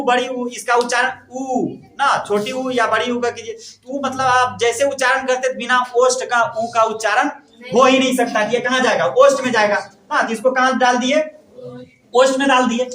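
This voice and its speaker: A male teacher drilling a lesson, asking questions and answering them himself with steady repetition. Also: very high voice. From India. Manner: asks questions and answers them himself, repeating each point. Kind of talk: classroom grammar lesson. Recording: echoey room.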